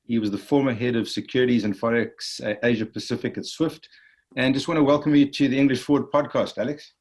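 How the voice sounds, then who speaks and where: A man's voice: medium pitch, fairly even intonation, fast talker, darkish tone. A man hosting a podcast who introduces his guest and asks questions in a friendly, conversational way. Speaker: podcast host. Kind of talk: interviewing a guest.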